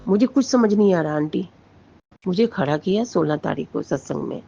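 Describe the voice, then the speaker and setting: Middle-aged lady telling her devotional story, earnest, gravelly kinda raspy voice, lo-fi sound. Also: lowish voice, animated, moderate pace, mellow. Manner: earnest, storytelling, switches into Punjabi in quotes. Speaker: devotee sharing her experience. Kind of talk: personal testimony to a listener.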